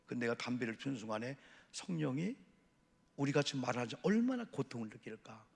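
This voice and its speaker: A male pastor with a gravelly, husky voice delivers a Bible-study sermon, spinning anecdotes with an easy storyteller's pace. His voice rings out with a long reverb across a church sanctuary. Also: medium pitch. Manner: lively anecdotal storytelling, drops to hushed asides.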